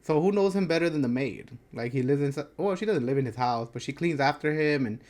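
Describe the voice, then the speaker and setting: A man's voice: on the high side, animated, a little fast, a little mellow. A man hosting a reaction video, talking casually and peppering his speech with "like". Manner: chatty, many "like" fillers. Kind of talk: casual chat.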